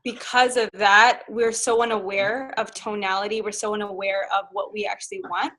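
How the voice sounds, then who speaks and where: Woman sex coach, candid interview guest, frank and lively. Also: medium pitch, moderate pace. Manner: frank and animated, laughs while telling stories.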